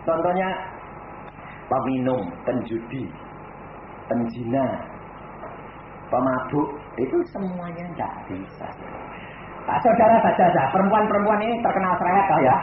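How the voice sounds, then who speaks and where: Older guy preaching, dips low then booms out, roomy echo, tinny noisy recording. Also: lively intonation, normal speed, pauses often. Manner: swings from low quiet asides to loud emphatic preaching. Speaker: evangelist preacher. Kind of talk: sermon with anecdotes.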